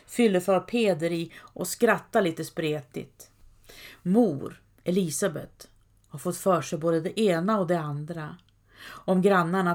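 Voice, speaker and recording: Calm woman telling a historical story. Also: on the low side. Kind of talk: scripted historical narration.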